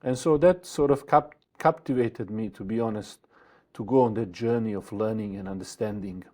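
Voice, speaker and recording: A man from Bosnia, a guest answering interview questions in a thoughtful, halting way with many fillers and restarts. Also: on the low side, mellow.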